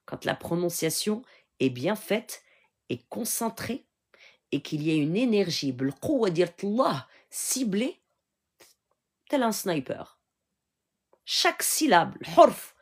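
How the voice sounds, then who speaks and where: A woman's voice: mid-range voice, big pitch swings, takes it slowly, long pauses, slightly rough. A woman giving an earnest, instructive live question-and-answer talk. She switches often between French and Arabic and keeps checking in with her listeners. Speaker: spiritual healer answering questions.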